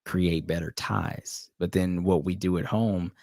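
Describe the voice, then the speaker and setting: Low-voiced man, reflective and measured. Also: flat delivery, a little mellow, no room sound, clean studio sound. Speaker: podcast co-host. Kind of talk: casual discussion podcast.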